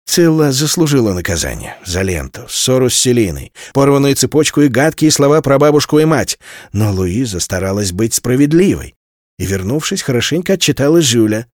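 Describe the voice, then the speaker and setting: A man reading a novel aloud as narrator, in an expressive, measured way. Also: mid-range voice, dry recording, studio quality. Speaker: audiobook narrator. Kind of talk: scripted literary narration.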